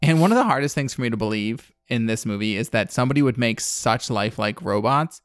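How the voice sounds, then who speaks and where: A man's voice: mid-range voice, lively intonation, fast, no echo, studio quality. Blunt sarcastic man recapping a movie. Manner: blunt, sarcastic, rambling with many fillers. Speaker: podcast host. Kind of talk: casual movie recap chat.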